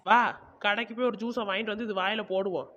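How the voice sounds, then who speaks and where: A woman voicing a sharp-tongued, no-nonsense village woman who scolds and mocks, in a cartoon comedy. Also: medium pitch, steady tone, quick pace, highs cut off, lightly acted. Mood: mocking. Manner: blunt, scolding, sarcastic.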